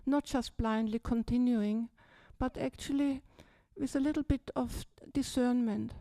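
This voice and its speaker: This is an older Austrian nun, a Buddhist, speaking with a German accent to retreat participants from a low stage in a large, dim hall, recounting something personal. Her chatty talk, sprinkled with "yeah?", comes in a soft, mellow, fairly high voice with fairly even intonation and a slightly slow pace. Through her handheld mic the audio is dry, close, and free of echo.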